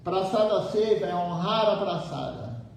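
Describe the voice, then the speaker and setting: A man with a fairly high voice delivers a devotional sermon, pressing his listeners and repeating key phrases again and again. He sounds well away from the microphone in a very echoey temple hall, with a faint low rumble underneath. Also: expressive, a little slow, creaky, distant mic. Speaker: temple speaker.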